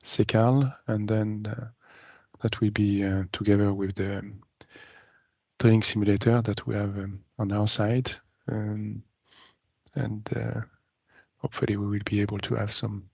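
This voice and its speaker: A man on a video call explaining a planned demonstration to a meeting, halting often with ums and uhs. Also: lowish voice, little pitch movement, creaky, darkish tone, slightly rough, no room sound. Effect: heard over a video call. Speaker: meeting participant presenting a demo. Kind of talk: business meeting update. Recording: dry, slightly muffled video call audio.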